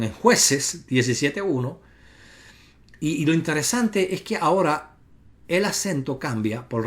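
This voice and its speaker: A man gives a video lecture on Hebrew grammar, guiding viewers step by step through examples on screen. His pitch rises and falls widely as he stresses points, and he slows right down to sound out each syllable. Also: a bit bright. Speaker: Bible teacher.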